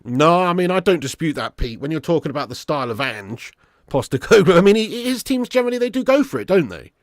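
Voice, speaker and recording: A British man doing live football watch-along commentary and chatting casually with viewers in an animated, blokey, sweary, matey way. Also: fairly high pitch, fast talker, no echo, clean studio sound. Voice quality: raspy, smoker's laugh.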